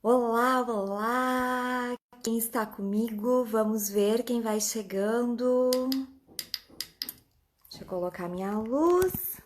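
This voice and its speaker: Slow, high-voiced woman hosting a live stream. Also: a little hiss or hum. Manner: greets viewers by name, chatty. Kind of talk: casual live stream chat.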